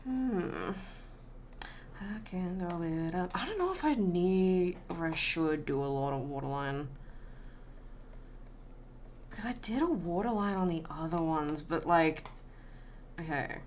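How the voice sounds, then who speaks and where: A woman's voice: on the low side, animated, a little slow, pauses often, darkish tone, a little hiss or hum. An Australian woman chatting casually on a live stream while she draws, greeting viewers and swearing freely.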